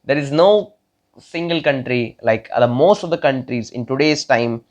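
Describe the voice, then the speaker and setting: Young man from India, twenties, casual monologue, stop-start with many fillers, muffled lo-fi audio. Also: mid-range voice. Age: 20s. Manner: halting, many fillers and repeated words.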